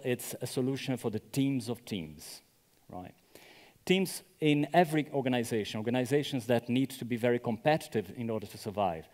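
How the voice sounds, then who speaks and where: A Brazilian man with a mellow, mid-range voice gives a chatty conference talk, often checking with the audience by asking "right?". The recording carries the echoey reverb of a hall.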